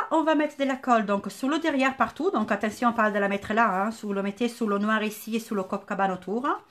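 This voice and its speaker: High-voiced woman with a southern French lilt. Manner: chatty, thinks aloud, greets viewers by name. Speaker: scrapbooking tutorial host. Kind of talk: live craft tutorial.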